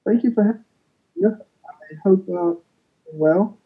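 A man's voice: high-pitched, measured pace, gravelly. Man on a choppy, breaking-up call line. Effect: choppy, drifting online call connection. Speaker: guest author and editor. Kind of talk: interview over an online call. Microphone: computer mic on a video call. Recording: tinny, lo-fi call audio.

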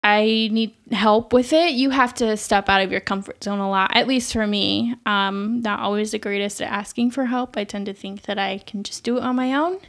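A woman's voice: medium pitch, steady tone, fairly quick, creaky, hardly any pauses, a bit bright. A young adult woman, a nurse, talking in a reflective, chatty way on a podcast and often laughing. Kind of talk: casual podcast chat.

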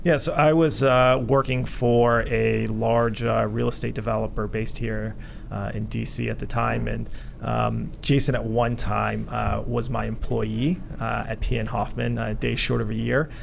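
A man from Vietnam, a company co-founder, answering radio interview questions haltingly with many fillers. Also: medium pitch, level tone, creaky, a little hiss or hum. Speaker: guest, hotel company co-founder.

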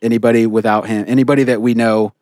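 A man's voice: fairly low pitch, level tone, fast, darkish tone, no echo, clean studio sound. A man co-hosting a podcast in casual chat, blunt and opinionated, swearing freely and restarting his sentences often. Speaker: podcast co-host.

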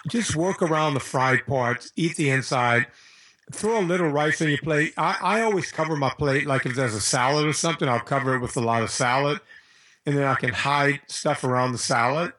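A man's voice: medium pitch, moderate pace, a bit bright. An American man talking casually and bluntly as an interview guest, handing out informal advice.

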